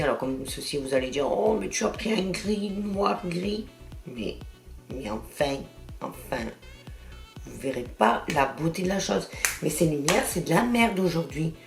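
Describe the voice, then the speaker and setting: A woman's voice: on the low side, gravelly. A woman vlogger chatting casually about makeup she bought, with lots of exclamations and fillers. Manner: chatty and exclamatory, with many "voilà" and "hein" fillers. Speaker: beauty vlogger. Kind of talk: casual makeup haul chat. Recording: echoey room with faint music.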